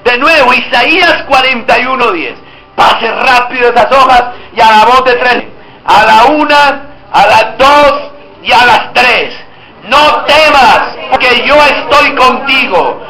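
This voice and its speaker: A man's voice: extremely high pitch, measured pace, bright, forceful tone, slight background noise. A man preaching a sermon, calling out emphatic exhortations and leading the congregation in reading aloud together. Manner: leads the congregation in call-and-response and group reading. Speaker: pastor. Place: church service before a congregation. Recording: echoey church room.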